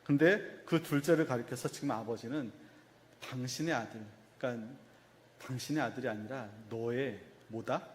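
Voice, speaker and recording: A man's voice: mid-range voice, normal speed, a little hiss or hum. Male pastor preaching in a reverberant church. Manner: asks the congregation questions and answers them; acts out a father's gentle words to his son. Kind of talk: sermon. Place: church sanctuary.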